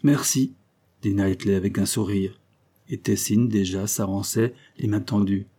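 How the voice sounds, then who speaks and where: In a low, husky voice that is dark and mellow, a man reads scripted narration for an audiobook, keeping his delivery steady and measured.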